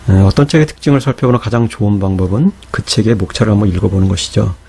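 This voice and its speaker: A middle-aged man giving a patient Greek grammar lecture, asking rhetorical questions and slowing down to sound out syllables. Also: lowish voice, creaky, dark tone, slightly rough. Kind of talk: explanatory lecture.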